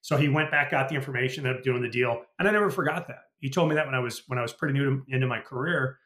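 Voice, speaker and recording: A man's voice: mid-range voice, rapid-fire, fairly bright tone. A middle-aged man, a podcast guest and retired sales executive, telling candid work stories in a casual, rambling way. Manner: candid, anecdotal, many restarts and "you know". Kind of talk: casual storytelling interview. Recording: roomy echo.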